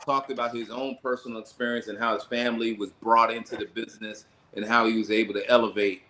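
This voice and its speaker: A man co-hosting a casual podcast, speaking in a reflective, deliberate way. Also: mid-range voice, little pitch movement, sharp tone, poor audio. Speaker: co-host. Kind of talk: casual chat.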